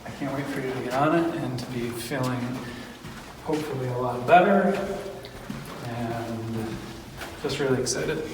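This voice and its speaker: A man talking calmly and supportively in a casual vlog, with some hesitation. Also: mid-range voice, normal speed, recorded from a distance, noisy background. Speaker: vlogger's partner. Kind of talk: casual chat.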